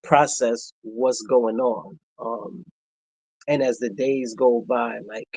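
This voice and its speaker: Husky-voiced man telling his story. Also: mid-range voice, steady tone, a little mellow, no echo, low-quality recording. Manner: reflective, halting, many fillers. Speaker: vlogger. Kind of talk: personal storytelling.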